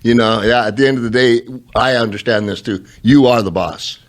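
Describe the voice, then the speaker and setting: A man hosting a podcast, a former pro wrestler telling ring stories in a loose, animated way full of restarts. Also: mid-range voice, a little fast. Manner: animated, rambling storyteller with many restarts. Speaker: podcast host. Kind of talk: casual interview chat.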